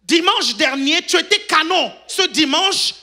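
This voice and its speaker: Male pastor, sermon, bright forceful voice, animated, jokey, keeps asking if the congregation follows. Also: extremely high pitch, measured pace, creaky. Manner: animated, jokes, sudden shouts.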